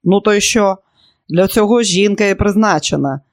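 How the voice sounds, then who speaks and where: Rude drunken boardinghouse manager, coarse and loud, dry close sound, read by a man. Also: high voice, moderate pace, no echo, pitched above the performer's own voice. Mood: angry. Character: drunken surly male boardinghouse manager around thirty.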